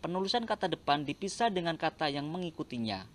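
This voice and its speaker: A man reads out a grammar lesson, working through points one by one. His voice sits a little high, and he keeps a slow, even, list-like delivery. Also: heavy background noise. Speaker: teacher. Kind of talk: reading a grammar lesson aloud.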